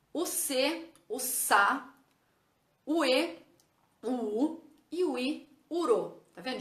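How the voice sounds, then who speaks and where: Woman, high voice, patient teacher, echoey room. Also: a bit bright. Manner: patient, addresses viewers as "gente", checks with "ok?" and "tá vendo?". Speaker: teacher and educational psychologist. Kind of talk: explanatory video lesson.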